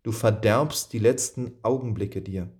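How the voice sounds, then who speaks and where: A man reading the lines of a grave, resolute male friend who is saying farewell, in a solemn, measured way. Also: lowish voice, a little mellow, close to an everyday voice. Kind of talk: audiobook reading of quoted speech.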